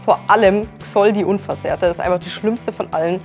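A woman's voice: mid-range voice, a little fast, a little mellow, soft background music. A woman telling a casual, exasperated anecdote about a hard boss. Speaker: games show regular.

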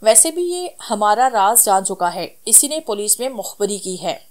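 A woman voicing a scheming village thug who threatens calmly and smiles, in a storybook horror tale. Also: mid-range voice, unhurried. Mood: menacing.

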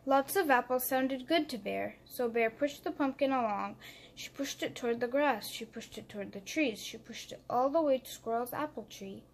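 A woman reading a children's picture book aloud, clear and expressive as she tells the story. Her voice sits a little high. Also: normal speed, slight background noise. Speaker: narrator. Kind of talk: children's read-aloud narration.

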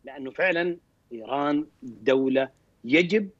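A man giving military commentary on a talk show, hesitant with many restarts and throat clearing. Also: medium pitch, animated, normal speed, no echo. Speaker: military expert guest. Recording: dull dry remote link.

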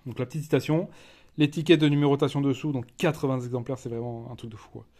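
A man with a French accent giving a casual unboxing commentary as a collector, chatty and halting, with many fillers and restarts. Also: mid-range voice, fairly even intonation, darkish tone. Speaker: collector reviewing a disc edition.

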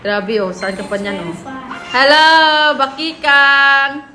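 A woman's voice: medium pitch, lively intonation, moderate pace, bright, forceful tone, soft background music. A woman vlogger giving a teasing, playful house tour, laughing often as she chats.

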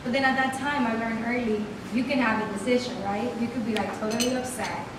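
Recorded by a distant camera while she speaks into a podium mic on a stand, a lively woman gives a motivational talk in a hotel meeting room, and the result is echoey, noisy and a bit hissy. She's a guest speaker from the Dominican Republic with Spanish as her first language, talking fairly quickly at a fairly high pitch in an upbeat, faith-filled way.

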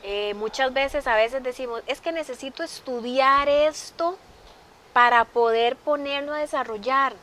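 A woman hosts a television interview with a somewhat high voice. She encourages her guest and speaks straight to the viewers in a motivational way, over faint background hiss. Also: measured pace, a bit bright. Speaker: TV show host. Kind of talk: interview talk show.

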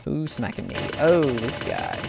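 Excitable gamer guy, slow and lively. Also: mid-range voice, creaky, very noisy. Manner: excitable, exclaims and laughs during play. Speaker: gaming livestreamer. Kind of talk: casual gaming livestream commentary.

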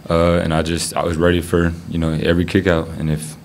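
A young college basketball player talks into a table mic at a postgame press conference. His voice is deep and fairly monotone, and he pads his answers with plenty of "um" and "you know". A faint hiss sits under the room sound. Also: fairly quick. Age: young adult. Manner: low-key, many fillers.

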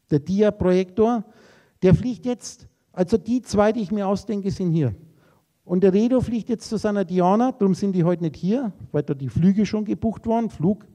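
This is a man lecturing to a live audience, his voice pitched high yet dark and mellow in tone. He rambles through associative wordplay and speaks to his listeners directly and casually. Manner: addresses listeners directly and informally. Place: lecture room.

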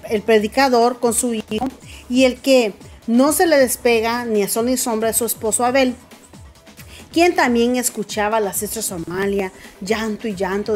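Woman dishing celeb gossip, kinda high voice, all dramatic and mocking, soft music behind. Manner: dramatic, mocking, calls her viewers "familia". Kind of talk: gossip commentary.

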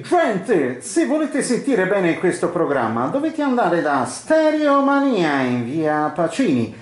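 A man playing an excitable radio DJ in a comedy sketch, with showy game show patter. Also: high-pitched, roomy sound, heavily acted. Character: showy, excitable male radio DJ plugging a prize contest.

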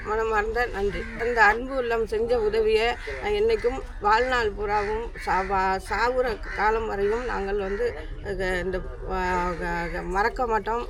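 A woman's voice: mid-range voice, background noise. Woman, mother thanking donors, hesitant, stop-start delivery. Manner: halting, with many false starts. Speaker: mother receiving aid. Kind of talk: thank-you statement to camera.

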